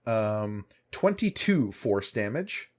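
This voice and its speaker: A man acting as game master, narrating and refereeing a tabletop game in a casual, measured way. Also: lowish voice, big pitch swings, darkish tone.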